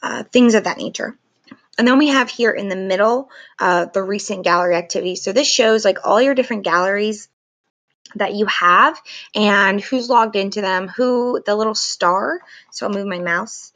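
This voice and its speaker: Speaking at a normal speed in a mid-range voice, a woman in her thirties presents a software tutorial as a photographer. Her throat is sore and it hurts to talk, yet her review to camera is informal and chatty, sprinkled with "likes." It's recorded as a screen capture with webcam.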